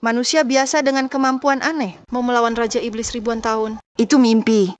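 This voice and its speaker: A woman voicing an arrogant demon villain with a menacing dark lord manner in a dubbed fantasy drama, gloating and scornful of humans. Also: a little high, fairly even intonation, a little fast, natural voice.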